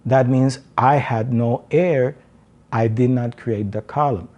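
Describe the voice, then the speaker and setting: A man teaching singers about breathing, explaining slowly and counting out demonstrations. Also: mid-range voice, a little mellow. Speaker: singing teacher. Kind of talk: vocal lesson.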